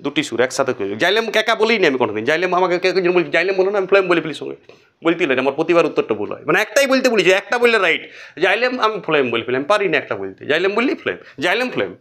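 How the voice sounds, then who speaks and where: A man's voice: on the high side, racing. A man teaching a whiteboard biology lesson, chanting memory lists in a sing-song way and talking straight to his students. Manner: lively, repetitive, talks straight to students.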